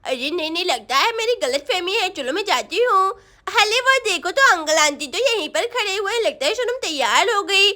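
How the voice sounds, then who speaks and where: A woman voicing a chatty young schoolgirl doll friend who talks in quick, lively exclamations. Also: very high voice, pitched above the performer's own voice, full character voice. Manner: chatty, then shrieking for help.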